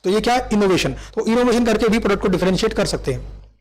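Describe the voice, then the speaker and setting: High-voiced man lecturing lively. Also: fast. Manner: lively, explains with everyday examples and acted-out quotes. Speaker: commerce lecturer. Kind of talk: recorded classroom lecture.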